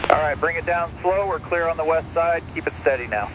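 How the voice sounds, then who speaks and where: A man's voice: fairly high pitch, a little fast, background noise. A man working on an industrial lifting crew, giving short procedural callouts and confirmations. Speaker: industrial crane crew worker. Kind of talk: procedural work-site callouts.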